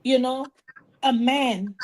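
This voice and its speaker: A woman's voice: high voice, slow, a little mellow. A woman on a live-streamed roundtable, speaking emphatically and defiantly about her own experiences. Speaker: panelist, domestic violence survivor. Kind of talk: roundtable discussion.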